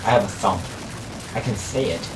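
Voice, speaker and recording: This co-op game commentator has a lowish voice and a moderate pace. Relaxed and rambling, he chats casually while playing, leaning on filler words. The recording is echoey, the mic far away, with video game sounds throughout.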